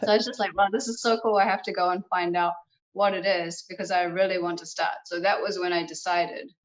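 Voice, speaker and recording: Chatting over a video call, a New Zealand woman who practices kyudo shares her story as a martial arts guest. Her voice is lowish with little pitch movement, she talks fairly quickly, and the highs are cut off. She sounds enthusiastic and casual, with frequent fillers.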